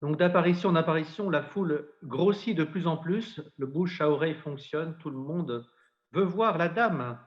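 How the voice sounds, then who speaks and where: A male priest recounts a story in a podcast conversation, with a slightly higher voice for a man. He narrates at length and brings quoted lines to life. The sound is dull and lo-fi. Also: normal speed. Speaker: priest and spiritual adviser.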